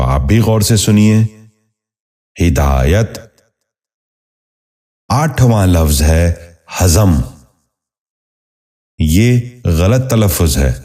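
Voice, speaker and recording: A man hosting a scripted pronunciation lesson, speaking in a measured, formal way and repeating each word with care. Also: sits low, dark tone. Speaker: host and pronunciation teacher.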